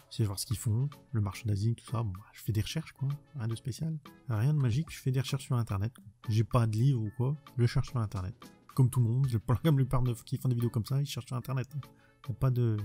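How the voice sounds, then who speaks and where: A man's voice: mid-range voice, warm tone. A man chatting bluntly in a casual vlog, rambling and restarting as he answers viewer questions. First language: French.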